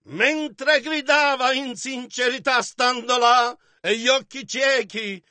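Man, sermon interpreter, bright tense voice, fervent, dry sound. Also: very high-pitched, steady tone, slow pace. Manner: echoes the preacher's fervor, shouting in places.

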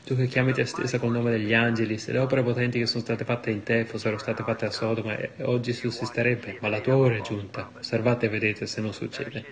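A man's voice: medium pitch, flat delivery, a little fast, few pauses, a crowd in the background. A man preaching a fervent, impassioned sermon to a congregation.

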